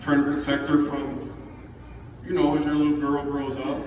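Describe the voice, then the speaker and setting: A middle-aged man gives a father of the bride speech in a very echoey hall, picked up from a distance over clear background noise. He speaks in a plainspoken, heartfelt and slightly halting way to the guests. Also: fairly high pitch, flat delivery, highs cut off. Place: large reverberant indoor reception room with background noise.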